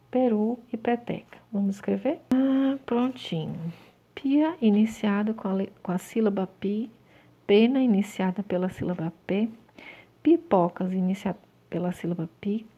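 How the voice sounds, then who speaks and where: Woman, Brazilian Portuguese accent, teacher, slow word-by-word dictation, gravelly, tinny phone-like audio. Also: medium pitch, warm tone. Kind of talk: walking children through a textbook exercise.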